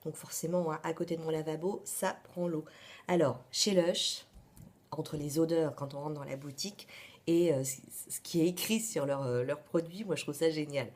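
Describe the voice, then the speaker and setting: A woman talks to camera about her beauty favorites. Her voice sits a little low, and her delivery is chatty and full of pauses and asides. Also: darkish tone. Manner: chatty, many hesitations and asides. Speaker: beauty vlogger. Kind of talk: casual beauty favorites vlog.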